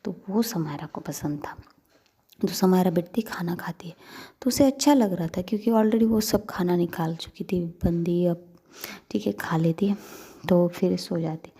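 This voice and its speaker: A woman's voice: fairly low pitch, measured pace, dark tone, husky. A young woman narrating a story casually, chatty with many fillers, talking to her listeners.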